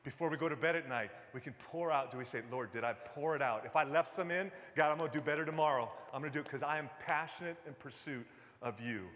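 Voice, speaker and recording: A pastor in his fifties from Detroit, in the US Midwest, preaches a sermon fast in a fairly high, fairly bright voice. His delivery is conversational, full of fillers and restarts, and he jokes with the congregation, while the church sanctuary gives the recording the long reverb of a large hall.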